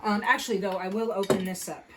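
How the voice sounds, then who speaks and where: A woman's voice: mid-range voice, fairly even intonation, fast talker, background noise. A middle-aged woman hosting a casual home cooking demonstration, explaining each step in a chatty way with many fillers. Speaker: home cook host. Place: home kitchen.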